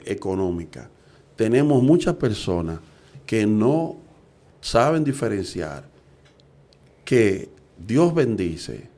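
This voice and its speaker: This Dominican evangelist, a middle-aged man, has a mellow, lowish voice. His talk is earnest preaching, punctuated by rhetorical questions.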